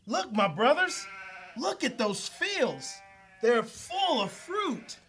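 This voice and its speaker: A performer playing an excitable, nervous Israelite spy in a children's Bible skit, with exaggerated exclamations. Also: mid-range voice, takes it slowly, soft background music. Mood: excited.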